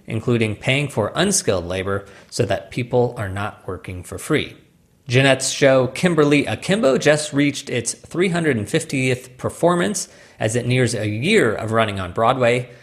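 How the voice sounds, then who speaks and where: A man of middle pitch hosting a podcast. He reads a scripted intro briskly and upbeat. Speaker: podcast host.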